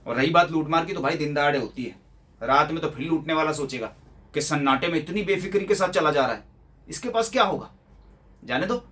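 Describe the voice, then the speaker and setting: A man's voice: a little high, fairly bright tone. A man playing a sarcastic grumbling son. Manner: sarcastic rhetorical questions, aggrieved complaining. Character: grumbling young office-worker son, sarcastic and put-upon. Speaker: actor performing a monologue. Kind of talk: theatrical dramatic monologue.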